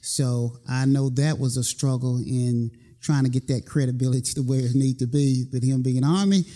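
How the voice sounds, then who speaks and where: A man from North Carolina with a slow Southern drawl, hosting a conversational interview as a military chief. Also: medium pitch, fairly even intonation, warm tone. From North Carolina, USA. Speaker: host, military command chief.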